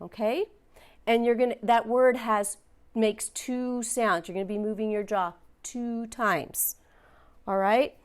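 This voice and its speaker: A woman's voice: fairly high pitch, fairly even intonation, takes it slowly. A woman teaching a phonics lesson, patiently sounding out letters and words and encouraging her learners.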